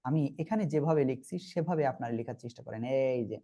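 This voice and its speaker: Speaking fast in a medium-pitched, dark-toned voice, a man with a Bangladeshi Bengali accent leads a Quran reading lesson on Arabic letters. He is patient and repetitive, often making sure his learners are keeping up.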